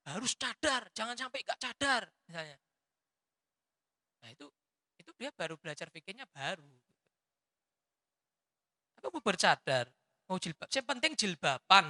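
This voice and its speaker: A man with a Javanese accent, a habib preacher answering questions at a religious study gathering in a lively, teasing way. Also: high voice, creaky, long reverb tail. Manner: lively, teasing, mixes in local words.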